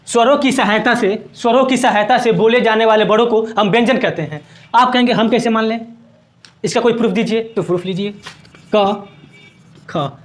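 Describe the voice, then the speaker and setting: A man's voice: high voice, moderate pace. A man teaching a grammar lesson at a board, asking questions and answering them himself and repeating each definition.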